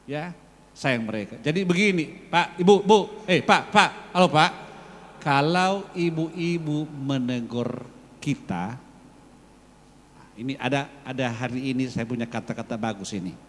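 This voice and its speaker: A man leading a congregation, coaxing and repeating phrases slowly for emphasis while calling out to the men. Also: medium pitch. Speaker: worship leader addressing the congregation. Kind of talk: lively sermon-style exhortation. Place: large church hall. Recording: long church hall reverb.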